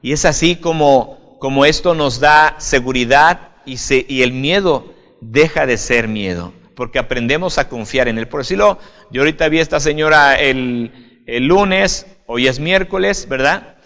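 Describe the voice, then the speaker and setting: A man's voice: medium pitch, a little slow, fairly bright tone. A man, a pastor giving an informal video sermon, speaking conversationally and often checking in with the listener. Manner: conversational, often adds "right?", addresses listener as "usted". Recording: long hall reverb.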